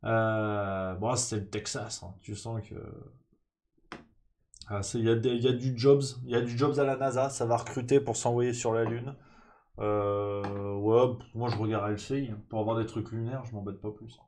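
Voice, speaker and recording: A man's voice: on the low side, steady tone, normal speed, darkish tone. A man hosting a live-streamed morning press review in a loose, joking way, reading out chat messages and thanking subscribers.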